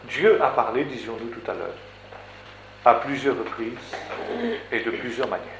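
A man's voice: mid-range voice, normal speed. A man preaching a sermon in an emphatic, rhetorical manner, building points through repeated phrases. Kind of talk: sermon teaching. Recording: echoey room with faint background noise.

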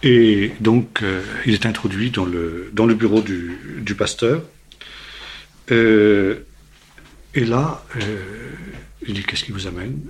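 A male preacher recounting a story from the pulpit, with a somewhat low voice. He often pauses and restarts mid-phrase. He slips into the voices of the people he quotes as he tells it. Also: a little mellow. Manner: halting, many hesitations and restarts; acts out quoted speech. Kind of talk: sermon storytelling.

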